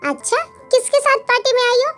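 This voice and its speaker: A woman's voice: very high voice, very animated, a little fast, faint music behind, pitched above the performer's own voice. A woman voicing a snobbish young woman who mocks others in a fan-dubbed drama. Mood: sneering. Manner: sneering, condescending. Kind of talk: Hindi fan dub acting.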